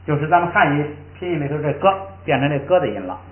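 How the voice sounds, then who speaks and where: An older man teaching Tibetan pronunciation in a lively classroom style, often drawing out and repeating syllables to show the tones. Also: fairly high pitch, fast. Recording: tinny, echoey room sound.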